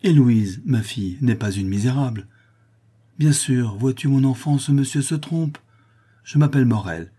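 A man reading aloud and voicing a distraught, pleading working-class father with a husky, raised voice. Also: on the low side, animated, moderate pace, few pauses, mellow.

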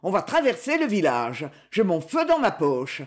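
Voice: medium pitch, wildly swooping pitch, moderate pace. A reader voicing a brutal, vengeful man who makes cold threats in a hard, blunt manner, in a French audiobook. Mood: menacing. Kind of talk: audiobook character voice.

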